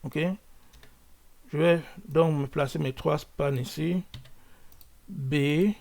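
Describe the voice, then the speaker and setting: A man's voice: a little high, steady tone, slow pace, gravelly, darkish tone. A man teaching a web coding lesson over his screen, thinking aloud with restarts and filler sounds, often checking in with "ok?". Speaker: coding tutorial host.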